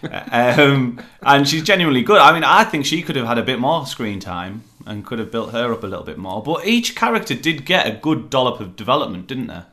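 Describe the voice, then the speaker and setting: A man's voice: mid-range voice, expressive, fairly quick, few pauses, bright, forceful tone. A man hosting a casual film review chat, rambling and hesitant with lots of fillers. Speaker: film reviewer, podcast host.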